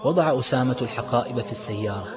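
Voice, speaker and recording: A man narrating a dramatic story in a measured, expressive way. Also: medium pitch, big-room sound, music in the background.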